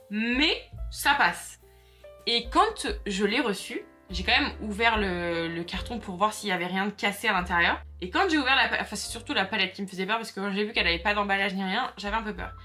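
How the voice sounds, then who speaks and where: A woman's voice: mid-range voice, pushed and bright. A young woman chatting casually to her viewers while doing her makeup, full of fillers and asides. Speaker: makeup vlogger. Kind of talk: casual makeup tutorial chat. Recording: faint background music.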